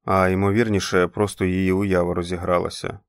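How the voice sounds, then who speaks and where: Man, audiobook narrator, low voice, dry close sound, measured calm reading. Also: clean tone, no room sound.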